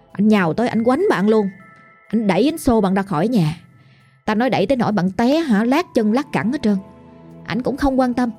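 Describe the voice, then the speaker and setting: A woman's voice: mid-range voice, warm tone. Chatty woman with a Southern Vietnamese accent. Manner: chatty, colloquial, addressing the listener directly. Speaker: ghost story narrator. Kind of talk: storytelling narration.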